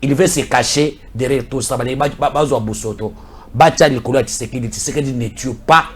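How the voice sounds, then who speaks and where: This Congolese political commentator has a husky, mid-range voice with fairly even intonation and a slightly fast pace. He argues heatedly in a mix of French and Lingala, pressing his points emphatically and repeating himself often.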